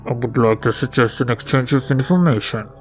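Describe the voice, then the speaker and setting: A man voicing a cryptic anonymous caller whose voice comes through a phone with heavy distortion, calm and measured with veiled threats. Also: medium pitch, faint music behind. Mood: cool. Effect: heavily distorted phone voice. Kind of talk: reading a game aloud with voices.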